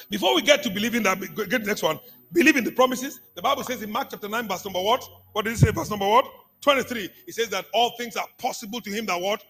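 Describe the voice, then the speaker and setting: A man preaches in a high, animated voice that leaps about in pitch. His tone is bright and a little husky, and he repeats lines for the congregation, dropping to a hush, then rising to a shout. Soft music plays underneath. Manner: call-and-response preaching, repeats phrases, swings from hushed to shouting. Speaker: apostle preaching. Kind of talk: sermon.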